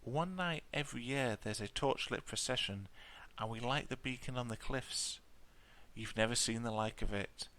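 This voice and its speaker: A man's voice: medium pitch, normal speed, bright, forceful tone, lightly acted, low-quality recording. A man voicing a chatty, kindly middle-aged village landlady with homely, rambling talk.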